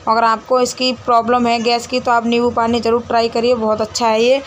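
A woman's voice: on the high side, little pitch movement, brisk, a little hiss or hum. A woman vlogging casually at home, teasing a little child in a playful, chatty way, with an Agra Hindi accent. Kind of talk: casual home vlog chat.

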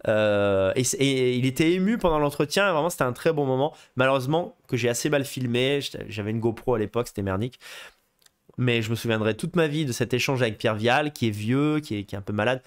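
A male film host talking off the cuff on a live stream, wandering from point to point with plenty of "euh" and false starts. He gets excitable and swears casually as he goes. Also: mid-range voice, fast, clear, resonant tone. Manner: rambling, many fillers and restarts. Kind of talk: casual live chat about films.

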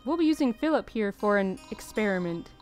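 A woman voicing a calm, solemn cult leader in a measured, formal manner from game dialogue. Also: mid-range voice, natural voice. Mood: solemn, composed. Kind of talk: reading game dialogue in character. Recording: music behind the voice.

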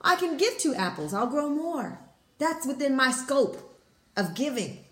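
A meek, self-giving tree who apologizes and pleads, voiced by a woman. The voice sits a little high. It carries a roomy echo. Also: big pitch swings, measured pace, fairly bright tone, exaggerated voice. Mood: eager.

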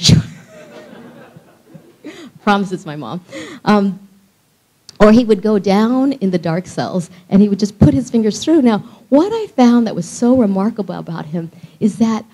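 A woman's voice: mid-range voice, dark tone, husky. A woman delivering a conference keynote speech with a handheld microphone in a large hall, telling a story earnestly. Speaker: keynote speaker.

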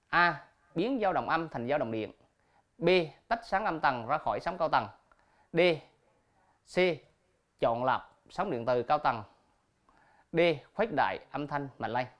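A male teacher reading quiz questions and answer options aloud slowly and clearly, then explaining the answers. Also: fairly high pitch, lively intonation, muffled recording. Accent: Vietnamese. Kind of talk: recorded classroom quiz lesson.

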